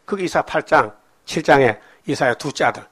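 A man preaching a sermon as a pastor, retelling a story with animated storytelling and often prodding listeners with quick questions. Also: mid-range voice, slightly rough.

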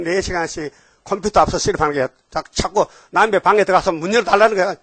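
A man with a Gyeongsang Korean accent preaching a sermon in a lively way, often firing questions at his congregation. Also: high voice, no echo. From Gyeongsang region, Korea. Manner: animated, questions the congregation, jumps between topics. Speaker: pastor.

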